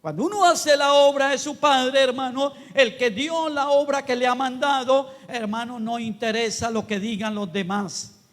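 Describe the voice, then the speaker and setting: High-voiced pastor preaching in a reverberant church. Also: male voice. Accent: Colombian Spanish. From Colombia. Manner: preachy, repeatedly addressing the congregation as brother. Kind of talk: sermon. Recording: long hall reverb.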